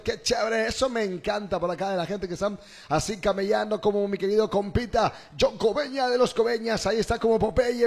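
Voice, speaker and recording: A man with an Ecuadorian accent hosting an informal radio show, chatting colloquially and repeating his phrases. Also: sits high. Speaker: radio host.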